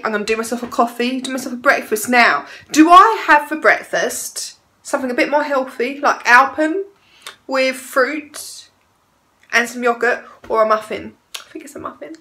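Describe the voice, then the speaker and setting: A woman's voice: high voice, normal speed, bright, forceful tone. A woman, chatting casually to camera at home and rambling a little. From England. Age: 30s. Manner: chatty and rambling, fond baby talk to her cats. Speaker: vlogger. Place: her home, indoors.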